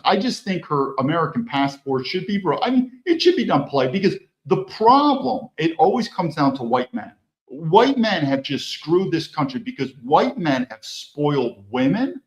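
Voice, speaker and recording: A man hosting his own political show, delivering an emphatic, opinionated monologue full of rhetorical questions. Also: fairly high pitch. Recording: echoey room, dull lo-fi sound.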